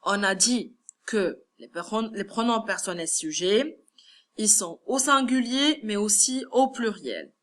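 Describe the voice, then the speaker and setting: A woman's voice: mid-range voice, lively intonation, slow, fairly bright tone. A woman with a Moroccan French accent, teaching a first-grade class, patiently sounding out words syllable by syllable. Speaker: primary school teacher. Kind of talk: classroom lesson correction.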